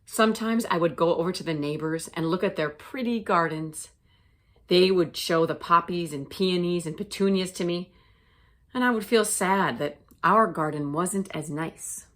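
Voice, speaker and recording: In a lowish voice, a woman teacher reads a children's story to young listeners with deliberate, expressive phrasing.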